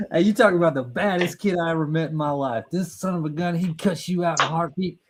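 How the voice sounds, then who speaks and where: A man's voice: fairly high pitch, brisk, a little hiss or hum, rough recording. Laughing middle-aged man spinning a yarn. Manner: rambling, laughs through his own story; restarts and stumbles mid-sentence. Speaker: storyteller. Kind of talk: casual profane storytelling.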